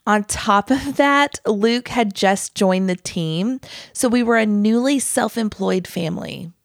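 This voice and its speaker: An emphatic woman podcast host in her thirties with a drawl, talking straight to her listeners as friends. Her voice sits at a middle pitch and is recorded up close with a dry, roomless sound. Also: dry recording. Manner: earnest, emphatic, addresses listeners as friends and y'all. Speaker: podcast host and small business owner. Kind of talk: scripted solo podcast talk.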